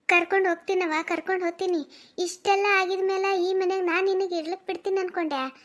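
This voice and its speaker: A woman's voice: very high-pitched, fairly even intonation, fast talker, voice pushed up. A woman voicing an angry, protective middle-aged mother in a cartoon, scolding with a North Karnataka accent and repeating her jabs. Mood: soothing. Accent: North Karnataka Kannada. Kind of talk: cartoon voice acting.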